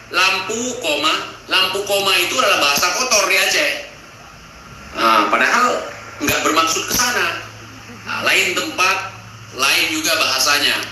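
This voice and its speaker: A man casually explaining word meanings in a lively, emphatic way, leaning on repeated "nah" between points. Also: high-pitched. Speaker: explainer of Acehnese language. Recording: very echoey room with noise.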